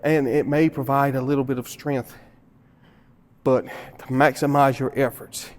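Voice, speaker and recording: A man's voice: mid-range voice, flat delivery, measured pace, a little mellow. A man explaining a lifting workout at the gym, short of breath from a cold, repeating his points and grunting through heavy sets. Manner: explains with repetition, grunting effort between sets. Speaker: fitness vlogger.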